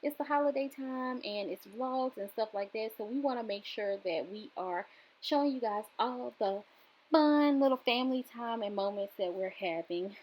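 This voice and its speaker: In a roughly recorded home kitchen vlog, a young woman with a fairly high but darkish voice speaks at normal speed. She addresses her viewers directly and chats through the cooking in a filler-heavy way.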